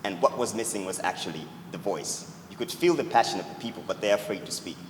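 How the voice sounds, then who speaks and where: In an echoey event hall with loud ambience, a deep-voiced startup founder from Tanzania answers judges' questions after his pitch. He speaks quickly and earnestly, saying "actually" often. A little hiss or hum is audible.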